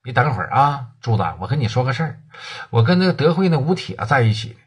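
A man with a Northeastern Mandarin accent voicing a calm, shrewd male city gang leader who speaks low and unhurried. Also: breathy edge. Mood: casual.

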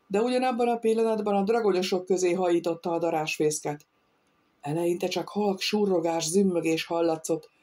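A woman with a mid-range voice narrates an audiobook, reading a script in a steady, measured storytelling style.

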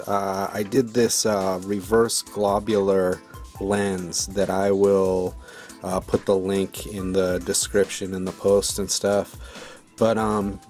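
Low, flat-voiced man rambling casually. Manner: relaxed, rambling, many fillers. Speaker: video maker. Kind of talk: casual voice-over commentary.

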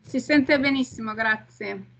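Bright-voiced middle-aged woman moderating. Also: fairly high pitch, a little slow, a little hiss or hum. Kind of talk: introducing online conference speakers. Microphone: video call. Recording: slightly dull video call sound.

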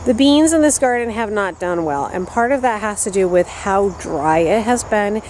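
Woman in her 30s chatting through her garden tour, mellow voice, handheld cam outside, faint crickets. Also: mid-range voice, expressive, moderate pace, slight background noise, rough recording. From upstate New York, US. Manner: chatty, upbeat, walking and pointing at plants. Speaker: gardening vlogger. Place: outdoor backyard vegetable garden. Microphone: handheld camera at arm's length. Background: crickets and insects.

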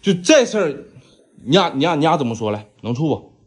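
A man's voice: a little high, very animated, a little fast, husky. A man with a Northeastern Mandarin accent hosting a staged prank skit, flustered and pleading, repeating himself. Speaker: vlog host.

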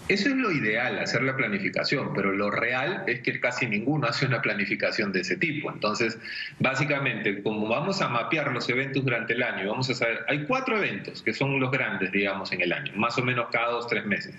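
A lively Peruvian man explains money matters over a video call, serving as a personal finance expert on a TV segment. His advice is conversational and instructive, illustrated with everyday examples, delivered in a mid-range voice at a fairly quick pace from an indoor room at home. The sound is dull and echoey.

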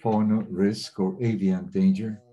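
Interpreting webinar talks in real time, a man speaks with a fairly low pitch in a calm, measured manner, pausing with occasional hesitations. The setting is a remote webinar, and the audio sounds dull.

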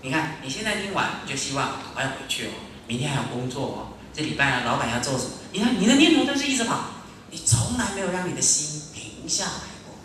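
A male Buddhist monastic giving a Dharma lecture to a live audience, lively and demonstrative, acting out his examples. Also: on the high side, fast. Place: large echoey lecture hall. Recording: very echoey hall, distant, faint noise.

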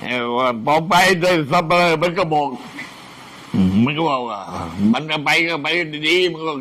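Old man, elderly monk type: rambling, repetitive storyteller with swooping, higher-set pitch and faint background noise. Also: moderate pace. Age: older. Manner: old man's rambling talk, often repeating words; animated. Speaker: senior Buddhist monk. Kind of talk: casual storytelling.

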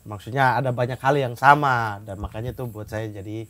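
A young man in casual podcast chat, telling a story in an animated way and laughing often. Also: mid-range voice, normal speed, crowd noise. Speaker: podcast guest telling his engagement story.

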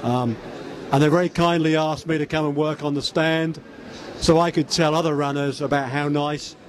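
A man's voice: on the high side, steady tone, moderate pace. An older man from the United Kingdom, chatty and self-deprecating, speaking into a handheld mic at an indoor expo stand. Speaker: interviewee, ultra runner. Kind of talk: talking to camera at a race expo.

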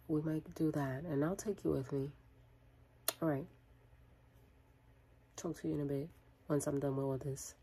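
A woman's voice: low-pitched, warm tone, a little hiss or hum. A woman in her thirties vlogging at home, rambling casually to her phone's front camera in a small room. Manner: rambling, chatty, thinking aloud. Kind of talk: casual vlog chat. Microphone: phone front camera close to the face.

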